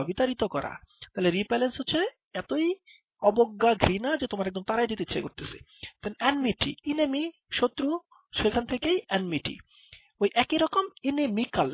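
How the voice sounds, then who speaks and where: A man's voice: sits high, husky, no room sound. A man teaching vocabulary, explaining each word with playful memory tricks and speaking straight to the student. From Bangladesh. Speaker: vocabulary tutor. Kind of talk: spoken vocabulary lesson. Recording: dull lo-fi dry recording.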